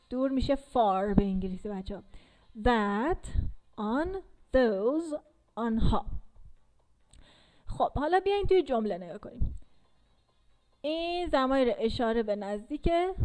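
A woman's voice: high voice, a little mellow, low-quality recording. A woman teaching English to learners in a casual classroom style, patiently repeating and drilling sounds.

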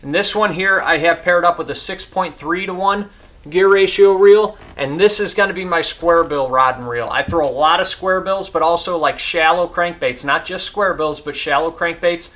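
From his garage, with a boat and rods around him, a fishing channel host in his thirties gives a casual gear review full of hands-on enthusiasm. His fairly high voice sounds pushed and bright, and he talks at a normal speed.

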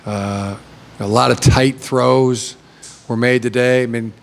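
At a table mic before a backdrop in the press conference room, a middle-aged head coach fields postgame questions slowly, in a creaky, mid-range voice with fairly even intonation. His responses contain many restarts and fillers.

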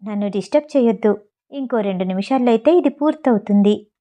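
A woman reading the lines of a playful, loving young wife and mother, softly and gently. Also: medium pitch, fast, natural voice.

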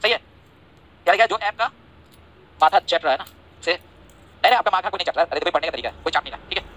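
Rapid-fire bright-voiced male grammar teacher. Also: sits high, lively intonation. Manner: repeats points and keeps checking understanding; chatty, teasing asides to students. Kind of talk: online grammar lesson.

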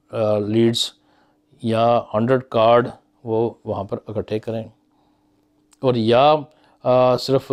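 A man's voice: medium pitch, gravelly, a little mellow. A middle-aged man from Pakistan talking casually to camera from a small office, thinking aloud with frequent fillers and gestures. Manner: conversational, musing, with many fillers and hand gestures. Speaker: business commentator. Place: small office with framed certificates on the wall.

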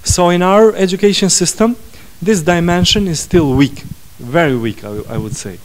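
Halting man speaking English. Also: sits high, poor audio. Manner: halting, many restarts and fillers. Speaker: parliament president, panel guest. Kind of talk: panel talk answering questions. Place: small conference room.

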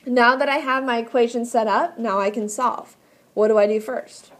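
A woman's voice: fairly high pitch, fairly even intonation, moderate pace. A woman teaching a math class step by step in a patient, instructive way, often asking questions to check understanding. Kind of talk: classroom lesson, explaining step by step.

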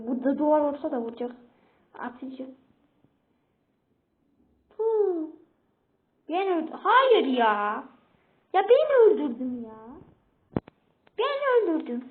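A woman giving casual, excitable commentary while playing a game and talking back to opponents on screen. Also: high-pitched. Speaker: gameplay streamer. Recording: tinny phone-like audio.

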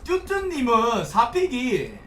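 A young male streamer with a high, lively voice, commenting on his horror game with excitable outbursts, curses and loud pleas to teammates. His bright tone sits a little far from the mic in a roomy space with faint noise behind. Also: slow. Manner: excitable, swears often, pleads loudly with teammates. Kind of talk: live gameplay commentary.

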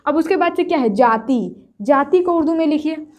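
A woman's voice: high-pitched, lively intonation, darkish tone. A woman teaching Urdu script step by step, patient and repetitive. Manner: patient, repeats each point slowly. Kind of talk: step-by-step whiteboard lesson.

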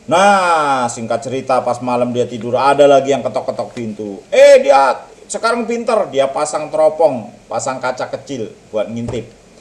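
A man teaching a children's church lesson, telling stories in an animated way and asking the kids questions. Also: medium pitch, normal speed. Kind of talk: children's Bible lesson storytelling.

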